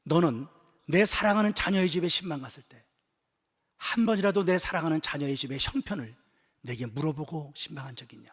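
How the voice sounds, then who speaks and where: A pastor putting on the voice of God, a stern and solemn male presence that speaks slow and low. The words come out husky and grave, ringing through a church hall with a long reverb tail. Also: a bit bright. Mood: stern rebuke.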